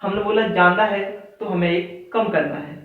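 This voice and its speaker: Male maths teacher, high voice, counts aloud step by step; far from the mic in an echoey room, phone-like sound. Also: fairly even intonation, normal speed. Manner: counts aloud step by step, asks students questions. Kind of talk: classroom lesson explanation.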